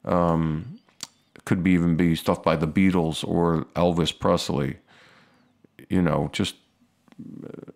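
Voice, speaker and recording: A man from the United States, a guest musician talking casually in an interview, relaxed and a little hesitant. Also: low voice, takes it slowly, vocal fry, long pauses. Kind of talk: casual conversation.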